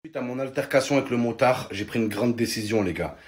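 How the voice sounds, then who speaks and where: A man doing comic monologue sketches, lively and mocking, often slipping into other voices. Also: mid-range voice, fast. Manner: animated, switches into mocking voices. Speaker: comedian. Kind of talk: stand-up style comedy sketches.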